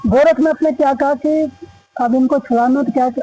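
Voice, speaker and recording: A man with a very high yet mellow, dark-toned voice tells an old legend to a gathering at an ashram. He talks in a homely, repetitive way and keeps slipping into his characters' lines. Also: fairly even intonation, normal speed, slight background noise, poor audio. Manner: folksy, repetitive, acts out quoted dialogue. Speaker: storyteller of a religious legend. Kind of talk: casual oral storytelling.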